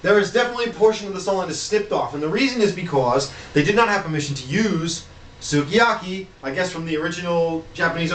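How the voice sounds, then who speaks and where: Male DJ, high-pitched, casual and rambling, distant mic in an echoey room. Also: a bit bright, slight background noise. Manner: chatty, loose, with fillers and asides. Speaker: DJ presenting hip-hop samples. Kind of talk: casual commentary over records. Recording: roomy, off-mic, music behind. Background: music playing.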